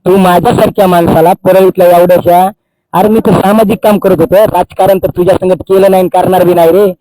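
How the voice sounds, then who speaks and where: A man's voice: sits high, fairly even intonation, quick pace, mellow, dry recording, low-quality recording. A man, a social activist delivering an angry, accusing public tirade and repeating phrases for emphasis. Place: outdoors by a Holi fire.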